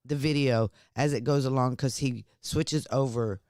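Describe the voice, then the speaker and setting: A man's voice: mid-range voice, fairly even intonation, measured pace, a little mellow, dry recording, studio quality. Man co-hosting a podcast. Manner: conversational, reads news items aloud. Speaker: podcast co-host. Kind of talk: political talk podcast.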